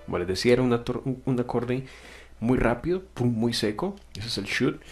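A man teaching music software step by step in a screen-recorded tutorial, patiently explaining, correcting himself and checking in with "ok?". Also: mid-range voice, expressive, brisk.

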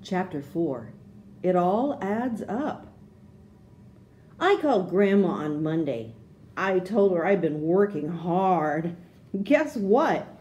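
Reading a children's storybook aloud, a woman uses expressive, deliberate phrasing meant for young listeners. Her voice is lowish and the sound is lo-fi.

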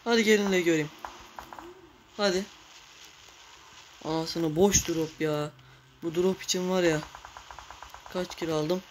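Excitable man narrating his own gameplay. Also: high-pitched, slow, long pauses, slight background noise. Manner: excitable, cursing, talking to viewers while playing. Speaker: gamer. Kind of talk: casual gameplay commentary.

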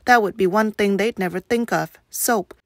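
A woman teacher reads a novel aloud in a steady, even way. Her voice sits at a middle pitch. The sound is dry and close, with no echo. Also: normal speed.

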